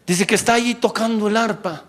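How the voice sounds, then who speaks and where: A male pastor preaching a sermon in church, animated, swinging from loud exhortation to quiet asides. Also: high voice, brisk.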